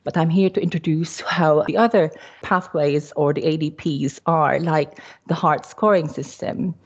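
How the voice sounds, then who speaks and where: A woman with a Filipino accent, a cardiology nurse presenting in a podcast discussion, explaining with frequent ums and pauses. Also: deep voice, steady tone, husky. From Philippines. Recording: dull lo-fi audio.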